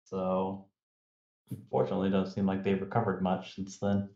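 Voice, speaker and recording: Guy playing a tabletop rpg, kinda hesitant, mellow low voice, muffled echoey audio. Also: completely flat delivery, normal speed, creaky. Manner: hesitant, filler-heavy speech. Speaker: player. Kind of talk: tabletop game role-play. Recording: dull, roomy audio.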